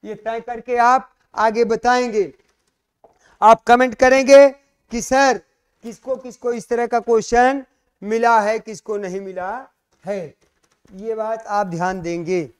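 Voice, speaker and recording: A man teaches an exam-prep lesson on Hindi poetry in a strikingly high, smooth voice. He talks slowly and unhurriedly, fondly calling the class his dear children. He puts questions to them and then answers them himself. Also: steady tone. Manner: reads verse lines slowly and with stress.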